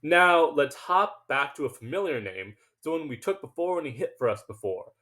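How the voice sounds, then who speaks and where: A man's voice: on the high side, normal speed. Guy confidently running through his betting picks, emphatic, trips on his words sometimes. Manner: emphatic, confident, self-assured; stumbles and restarts when excited. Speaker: sports betting picks host. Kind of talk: casual betting picks monologue.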